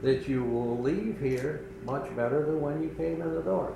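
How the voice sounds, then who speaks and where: An older man preaching a sermon as pastor of a small church, earnest and conversational with pauses. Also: a little high. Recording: echoey room with faint background noise.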